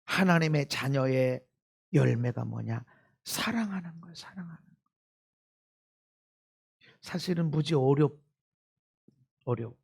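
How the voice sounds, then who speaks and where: A middle-aged male pastor delivers a sermon in a high, gravelly voice. He leaps from emphatic shouts down to hushed near-whispers. He drives points home by repeating phrases.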